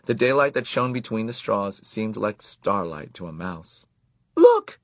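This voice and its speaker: A man reading a children's story aloud in an expressive, animated way. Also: fairly low pitch, normal speed, no echo. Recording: dull lo-fi dry recording.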